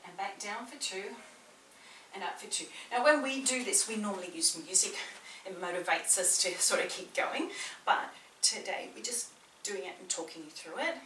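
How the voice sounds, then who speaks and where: Expressive and moderately paced, a woman's mid-range voice sounds bright and forceful, with a little hiss or hum on the recording. She's a chatty, encouraging personal trainer with a slight New Zealand accent who talks a lot while instructing a beginner workout. The small indoor room adds roomy echo, and the distant mic picks up faint ambience.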